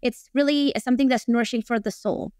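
A woman's voice: fairly high pitch, fairly even intonation, fairly quick, a little mellow, no room sound, studio quality. A woman from Indonesia, in her forties, a guest professor talking over a video call with many ums. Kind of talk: casual interview.

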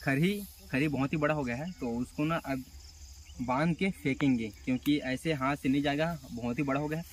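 A man's voice: fairly high pitch, brisk. Young man, chatty vlogger, phone mic at arm's length, outdoor fields, faint background hiss. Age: young adult. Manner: chatty, addresses viewers as friends and brothers. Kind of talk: casual vlog. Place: outdoors, rural fields and village lanes.

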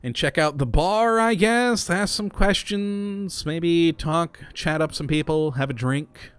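A man's voice: fairly high pitch, expressive, slow pace, a bit bright, clean tone, no room sound. A man giving casual, chatty commentary while playing a game, laughing often and humming to himself. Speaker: gameplay commentator. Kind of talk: casual let's-play commentary.

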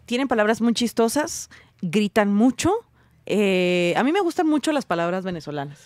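A woman's voice: medium pitch, very animated, normal speed, no room sound. A woman, a comedian guest chatting playfully and laughing often. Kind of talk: casual chat.

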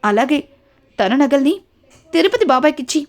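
A woman reading as a calm, clever young sister-in-law. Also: sits high, moderate pace.

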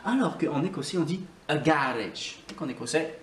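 A man giving a casual video lesson as an English teacher, hesitant with many fillers and slowly repeated words. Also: a little high, animated, a little mellow, far from the mic. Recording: roomy echo, voice off-mic, faint noise.

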